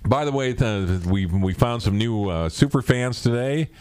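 A man's voice: mid-range voice, animated, normal speed, a little mellow, smooth. Chuckling man telling rambling jokes. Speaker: podcast co-host. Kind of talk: casual joke-telling banter.

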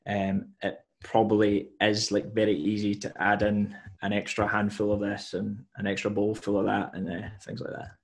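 A man, a fitness coach, speaking as a podcast guest in a measured, explanatory way with frequent fillers. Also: fairly low pitch. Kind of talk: casual podcast interview.

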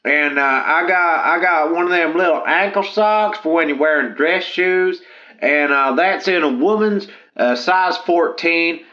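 A man plays a simple, folksy caller, heard over a muffled phone line on a radio call-in show. He rambles with lots of ums, and his voice sits a little high and bright. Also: measured pace. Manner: rambling, hesitant, folksy grammar. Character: simple folksy man selling odd socks.

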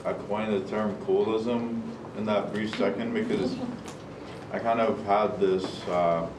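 Lower-voiced man in an echoey room. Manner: searching for words, many likes. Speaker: meeting participant. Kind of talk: casual group discussion. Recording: echoey room, mic far off, noise.

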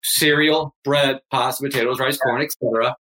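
Guesting on a remote interview, a man in his fifties who works as a fitness coach speaks emphatically and with energy in a motivational vein. He has a medium pitch, fairly even intonation and a moderate pace, with a bright, forceful tone, though the recording quality is low.

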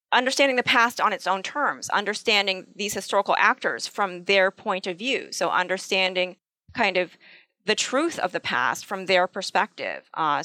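A woman's voice: mid-range voice, pushed and bright, no echo. A woman historian answering interview questions, hesitant with many ums and repeated starts. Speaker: guest historian.

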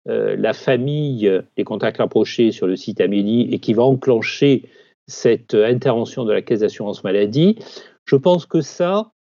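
A man's voice: medium pitch, warm tone, dry recording, dull audio. A man who leads a doctors' union, giving firm, persuasive interview answers.

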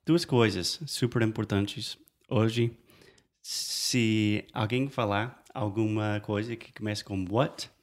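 Native English-speaking man teaching phrases. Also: fairly low pitch. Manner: explains patiently, models phrases, repeats "perfect". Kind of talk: bilingual lesson chat.

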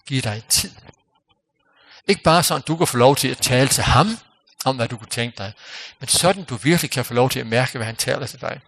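A man preaching a sermon, earnest and unhurried, dropping to a near-whisper for emphasis. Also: medium pitch, creaky, a bit bright, dry recording. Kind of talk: sermon with closing prayer.

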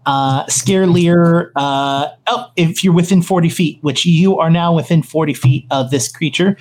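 Higher-voiced man, hesitant game master. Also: measured pace. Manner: hesitant, thinking aloud. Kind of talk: improvised narration of a tabletop game.

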